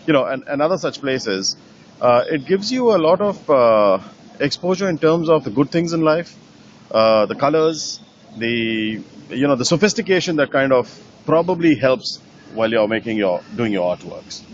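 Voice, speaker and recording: A middle-aged painter from Nepal, answering interview questions in a thoughtful way, with many fillers and restarts. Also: male voice, medium pitch, lively intonation, moderate pace, lo-fi sound, a little hiss or hum. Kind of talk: conversational interview.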